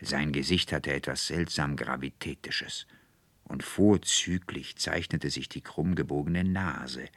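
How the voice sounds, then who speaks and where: A man narrating an audiobook in a deep, low voice, measured and expressive. The studio sound is close and completely dry. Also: dry recording.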